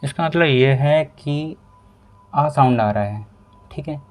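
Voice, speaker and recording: A man teaching a pronunciation lesson, explaining rules slowly and repeating each step. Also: a little high. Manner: slow, repetitive explaining. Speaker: English teacher.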